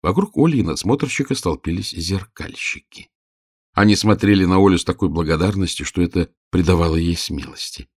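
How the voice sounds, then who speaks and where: A man narrating a storybook in a steady, expressive reading voice. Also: sits low, a little fast, slightly rough, no room sound, studio quality.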